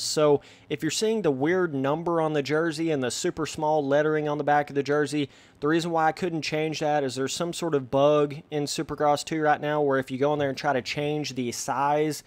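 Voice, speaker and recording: Young man, brash and slangy, gaming commentary, fairly high voice, dry close sound. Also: dry recording. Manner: brash, slangy, talks straight to viewers. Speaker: gaming YouTuber. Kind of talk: casual gameplay commentary.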